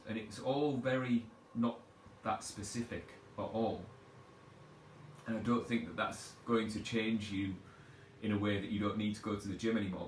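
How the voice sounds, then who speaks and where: Male personal trainer, lowish voice, loose and chatty and self-deprecating, recorded off-mic in a roomy space with faint hiss. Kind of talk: casual live Q&A advice. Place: at home on a sofa. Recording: echoey room, distant from mic, faint background noise.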